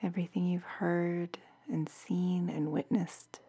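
A woman with a lowish, very mellow voice narrates a bedtime sleep meditation. She speaks very slowly and softly, often slipping into a breathy near-whisper, in the soothing manner of a sleep story narrator. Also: flat delivery. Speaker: meditation guide.

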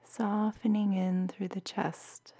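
A woman guiding a bedtime meditation in a soft, soothing, half-whispered voice, like a sleep story narrator. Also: medium pitch, little pitch movement, slow pace, breathy edge. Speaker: meditation guide.

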